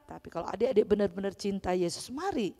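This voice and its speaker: A woman's voice: mid-range voice, lively intonation, fast, dark tone. A woman leading a Sunday school Bible lesson for children, telling the story animatedly with playful voice shifts. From Palembang, Indonesia. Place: church hall. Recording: reverberant church hall.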